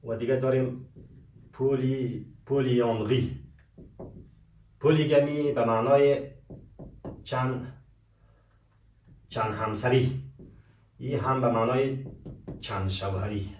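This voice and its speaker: A man teaching vocabulary, repeating words slowly and calling his students dear friends, in an echoey room away from the mic. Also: medium pitch, a little mellow, recorded from a distance, slight background noise. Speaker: language teacher.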